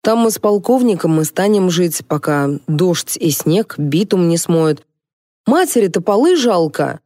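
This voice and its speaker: A woman's voice: lowish voice, sing-song, measured pace, dark tone, no echo, studio quality. A woman voicing a sarcastic, whiny young man complaining to his mother. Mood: grumbling. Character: sarcastic grumbling young man, sulking son.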